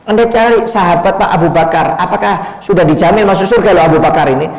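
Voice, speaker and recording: A man's voice: high-pitched, quick pace. A male Islamic preacher giving a sermon, emphatic and full of rhetorical questions, speaking directly to his listeners. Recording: echoey hall.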